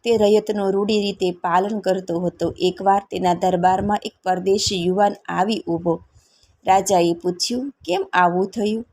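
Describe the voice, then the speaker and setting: A woman narrating a folk tale in a steady, measured storybook reading. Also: mid-range voice.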